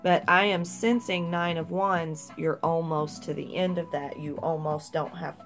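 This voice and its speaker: Young woman chatting through a tarot spread, swears a bit, lowish voice. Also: steady tone, measured pace, soft background music. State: hiccups. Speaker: tarot reader. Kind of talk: casual tarot reading.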